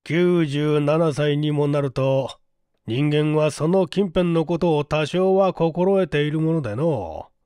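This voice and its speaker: Guy doing a crafty 97 yr old geezer, slow drawly folksy talk, a bit high, dry close sound. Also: warm tone, clean tone, no room sound. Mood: boastful. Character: shrewd, shabby 97-year-old man with bright eyes. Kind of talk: audiobook drama acting.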